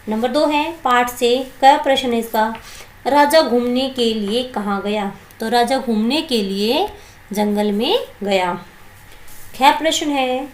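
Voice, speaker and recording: A woman primary school teacher explaining a lesson and reading a story to young children in simple, slow explanations. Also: on the high side, slight background noise.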